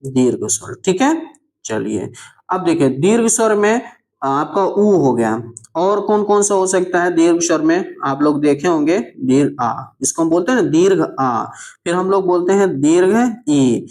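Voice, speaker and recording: A male teacher walks through an exam answer key. He poses each question, repeats it, and answers in a lower voice, tying it together with steady "theek hai" checks. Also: unhurried. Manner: asks each question aloud, then drops low to give the answer. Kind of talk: exam answer walkthrough lesson.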